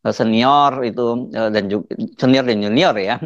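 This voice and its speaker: A man giving conversational news commentary as a host, in a halting delivery. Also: mid-range voice, no room sound. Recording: slightly dull, dry close recording.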